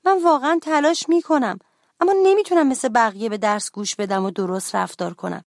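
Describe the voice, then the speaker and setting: Woman doing a loud, eager young schoolboy. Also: on the high side, no room sound, studio quality, natural voice. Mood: sad. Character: restless, lonely schoolboy who keeps getting into trouble.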